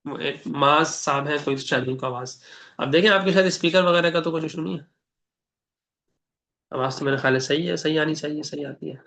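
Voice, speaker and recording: A man with a Pakistani Urdu accent teaching an online Quran class in a conversational way, often checking with students and reciting prayers slowly. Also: a little high, creaky, a bit bright. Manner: conversational, asks the class questions. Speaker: religious teacher.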